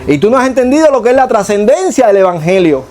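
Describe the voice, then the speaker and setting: High-voiced preacher. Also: male voice, fast. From Cuba. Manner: animated preaching, acts out prayers in a low hushed voice and boastful ones higher. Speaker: pastor. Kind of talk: sermon.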